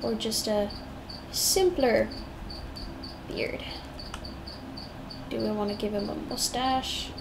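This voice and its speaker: Slow and creaky, with long pauses, this young South African woman's voice sits on the high side, and her accent mixes British and American-tinged English. The live-streaming digital artist chats and hums to herself, meandering as she thinks aloud while drawing. Crickets and steady noise play behind her.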